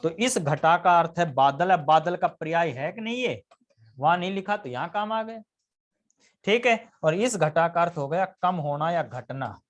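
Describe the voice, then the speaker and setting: A man's voice: fairly high pitch, animated, moderate pace, lo-fi sound. A man teaching a live grammar lesson, constantly quizzing his students with questions and answering them himself.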